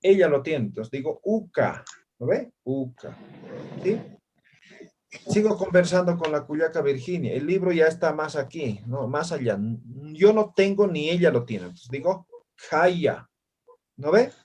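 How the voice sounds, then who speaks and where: A man's voice: fairly high pitch, lively intonation, a little slow, a little mellow, slight background noise. A man teaching an online language class who explains patiently and keeps checking that his students follow.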